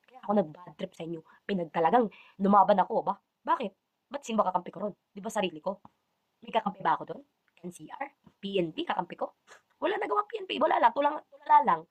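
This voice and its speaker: A woman's voice: medium pitch, very animated, fast, dry recording. A woman ranting indignantly to the camera, defending herself and slipping into English phrases. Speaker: vlogger answering accusations. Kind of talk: heated personal rant to camera.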